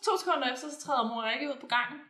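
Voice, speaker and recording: A woman's voice: high voice, steady tone, bright, forceful tone. A woman co-hosting a casual TV recap, who retells scenes with enthusiasm and acts out what the characters say. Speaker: podcast co-host. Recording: roomy echo.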